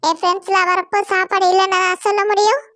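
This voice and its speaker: A woman voicing a bossy bird sister, very high. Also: level tone, fast, pushed and bright, no echo, clean studio sound. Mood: scornful. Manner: scornful, commanding. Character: bossy greedy young female bird, older sister.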